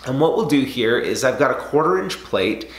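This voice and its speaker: Explaining welding from his seat in a home garage workshop, a man in his thirties who instructs welders keeps it casual and full of fillers. He sounds animated, mid-range and at normal speed, with roomy garage echo.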